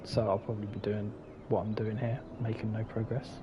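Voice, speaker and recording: A man's voice: on the low side, level tone, brisk. A man streaming a racing game in casual commentary, swearing and mocking himself as he drives. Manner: sweary, self-mocking, mutters wryly to himself. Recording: loud game engine noise behind voice.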